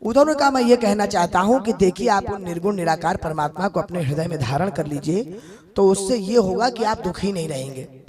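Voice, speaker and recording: A male preacher giving a devotional sermon, chanting verses slowly and speaking directly to his listeners. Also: sits high, crowd noise. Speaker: religious storyteller preacher.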